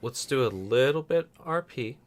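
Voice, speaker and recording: A man's voice: mid-range voice, animated, moderate pace. A man talking casually as game master of a tabletop role-playing game, chatting and narrating.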